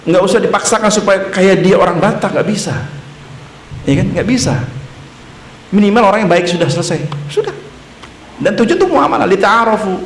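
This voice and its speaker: A man's voice: fairly high pitch, a little hiss or hum. Man teaching in an echoey mosque. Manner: conversational, asks the audience rhetorical questions. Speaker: ustadz teaching a mosque study circle. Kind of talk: casual Islamic study lecture. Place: mosque hall. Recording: echoey mosque room, faint ambience.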